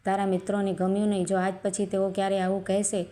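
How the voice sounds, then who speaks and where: A woman voicing a sharp-tongued older mother-in-law who scolds and commands but fiercely defends her daughter-in-law, in a flat, even reading. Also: medium pitch, quick pace, lightly acted. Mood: furious.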